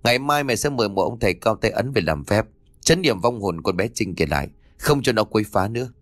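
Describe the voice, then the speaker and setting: A man playing a superstitious older mother-in-law in a ghost-story audiobook. She talks in a fretful, knowing manner with an animated lilt. The voice is close and dry. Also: on the low side, fairly quick, dry recording. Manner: fretful, knowing folksy talk.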